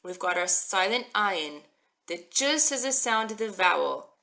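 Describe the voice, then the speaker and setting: A woman teaches a live-streamed Hebrew reading class. Her voice is bright and ringing, upbeat and encouraging, as she cheers on viewers by name and walks them through each letter. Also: mid-range voice, expressive, a little slow, creaky. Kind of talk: live-streamed language lesson. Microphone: phone live stream.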